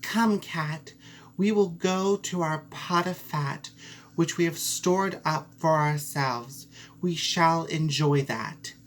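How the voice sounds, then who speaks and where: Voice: medium pitch, slow, a little hiss or hum, voice pushed up. A performer voicing a small, earnest, suspicious female mouse in a storybook, plaintive and full of questions. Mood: eager. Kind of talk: storybook character voice.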